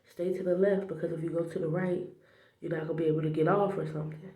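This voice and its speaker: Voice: mid-range voice, flat delivery, quick pace, dark tone. A faith vlogger sharing a dream and a spiritual message to camera, heartfelt and tearful, talking straight to the viewers and sometimes dropping to a whisper. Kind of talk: emotional spiritual testimony to camera. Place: small bathroom. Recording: echoey bathroom.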